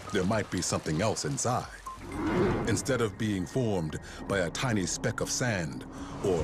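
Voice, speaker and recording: Deep-voiced man narrating a nature documentary. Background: music under the voice.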